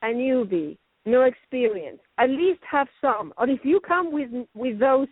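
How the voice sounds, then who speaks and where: A middle-aged woman raised in Venezuela and Canada, appearing as a guest actress, chats casually in an interview, rambling and laughing often. Her voice is high and slightly rough, with lively intonation and an unhurried pace. There's no echo, though the audio comes through a tinny phone line.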